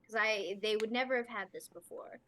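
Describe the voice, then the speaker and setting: A woman's voice: mid-range voice, fairly quick, a crowd in the background. A woman playing a tabletop game, chatting eagerly with the table. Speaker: player. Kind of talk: casual chat at a tabletop game.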